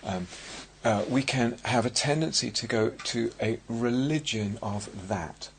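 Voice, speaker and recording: A middle-aged man with an English accent giving a dharma talk as a meditation teacher, speaking in a reflective, halting way with many restarts. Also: medium pitch, gravelly, slight background noise. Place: meditation hall at a retreat centre.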